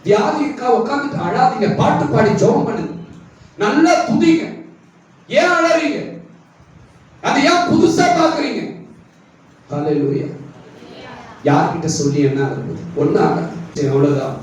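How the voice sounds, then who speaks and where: Male pastor, high voice, preaching in a questioning call style, picked up from a distance in a very echoey hall. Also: animated, unhurried, pauses often. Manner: preaching with questions to the congregation, pitch swinging high and low. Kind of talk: sermon.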